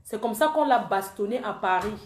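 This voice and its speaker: With a mid-range, animated voice at normal speed, a woman speaks in a reverberant room while faint music plays behind her. The online commentator calls herself the panther and angrily accuses an absent man to his face, so to speak, repeating herself throughout an emotional live-stream rant.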